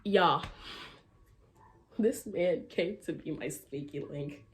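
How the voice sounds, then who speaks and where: A young woman telling a casual storytime, acting out quotes with big jumps in her voice. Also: slow. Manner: animated, acts out quotes with big pitch jumps and laughter. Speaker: vlogger.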